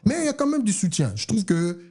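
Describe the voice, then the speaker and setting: A man's voice: high voice, fast. A young man from Canada, a guest artist in a casual podcast chat, mixing English words into his talk. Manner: relaxed, mixes in English words.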